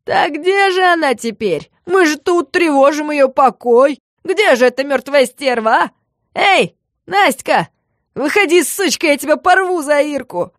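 A woman voicing an angry, hysterical young man who talks loud and bitter, in a dry reading. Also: medium pitch, a little fast, no room sound, lightly acted. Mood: furious.

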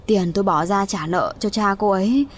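A woman's voice: medium pitch, moderate pace, natural voice. Woman voicing a remorseful old rich landlord. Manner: pleading, choked.

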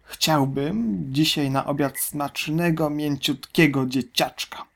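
A man voicing a huge, greedy, boastful male crocodile in a storybook reading, with a loud, gloating delivery. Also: on the high side, steady tone, takes it slowly, creaky, pitched above the performer's own voice.

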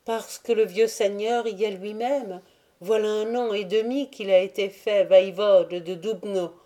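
A woman's voice: mid-range voice, steady tone, unhurried, pitched above the performer's own voice, lightly acted. A woman voicing a frightened, pleading young Tatar servant woman in an audiobook. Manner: hushed, pleading answers.

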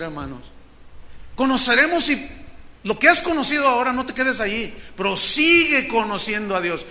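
Impassioned high-voiced male preacher. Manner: impassioned preaching, shouting at peaks. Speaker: pastor. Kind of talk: sermon.

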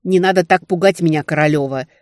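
A woman voicing a panicky young woman friend who shouts and frets in an audiobook. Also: sits low, expressive, normal speed, no room sound, studio quality. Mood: urgent. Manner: loud, shrieking, agitated.

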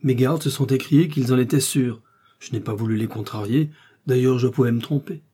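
A man voicing a calm, aloof musketeer around thirty who answers dryly and unbothered in a storybook reading. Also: medium pitch, a little fast, breathy edge, lightly acted.

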